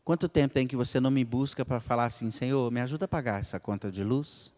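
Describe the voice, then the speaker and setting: A male pastor from Minas Gerais, Brazil, preaching a sermon with a Brazilian Portuguese accent, swinging between loud high exclamations and low quiet asides as he acts out dialogues. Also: quick pace. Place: church hall. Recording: long church reverb.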